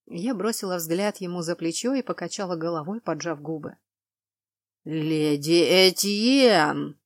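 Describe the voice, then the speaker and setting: A woman narrating a novel in the first person in an even, measured way. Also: on the low side, no room sound, studio quality. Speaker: audiobook narrator.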